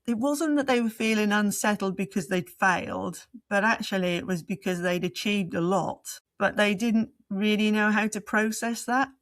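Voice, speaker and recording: A woman leadership coach answering interview questions in a reflective way, pausing often as she searches for her words. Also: medium pitch, fairly even intonation, no room sound.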